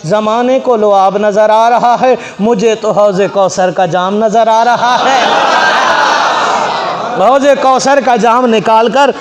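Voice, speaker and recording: High-voiced impassioned preacher. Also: male voice, steady tone, slow. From Pakistan. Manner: impassioned, repeats lines, rising to shouts. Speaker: Islamic preacher. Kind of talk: fiery sermon storytelling. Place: large mosque with congregation. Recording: echoey mosque hall with crowd.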